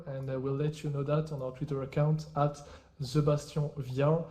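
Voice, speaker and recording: A man hosting a live talk show, briskly firing off either-or questions and moving on with short "all right" transitions. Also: on the high side, warm tone. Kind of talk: rapid-fire quiz questions in a live virtual reality talk show.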